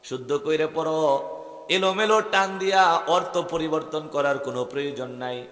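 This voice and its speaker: Man, Bangladeshi accent, preacher, waz sermon, rousing, call-and-response, fairly high voice, roomy PA echo. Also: moderate pace, a bit bright, soft background music. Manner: rhythmic, rousing, calls questions out to the crowd. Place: religious gathering. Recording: echoey open-air mahfil with long reverb.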